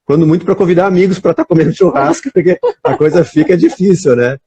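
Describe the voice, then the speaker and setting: Brazilian guy on a live call, kinda high for a man, breathy, rambly storyteller. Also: fast talker, dark tone, highs cut off. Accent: Brazilian Portuguese. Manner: rambling storyteller, many restarts and "né?". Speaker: guest. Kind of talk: casual chat on a live stream.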